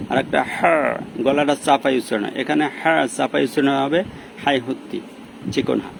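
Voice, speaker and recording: A gravelly-voiced man gives a slow, patient pronunciation lesson, breaking words into sounds and chanting them drawn out. He is recorded outdoors, with street and traffic noise clearly audible behind him. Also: mid-range voice. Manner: drawn-out chanted recitation between patient explanations. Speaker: Quran recitation teacher.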